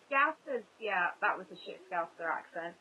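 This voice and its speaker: A woman's voice: mid-range voice, expressive, normal speed, very noisy. A woman from England chatting casually with a co-host while they watch a show together, laughing often.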